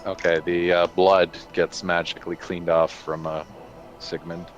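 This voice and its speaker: Deep-voiced man running a tabletop game. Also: flat delivery, unhurried, dull audio. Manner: explains rules patiently, vivid combat narration. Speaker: game master. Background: soft background music.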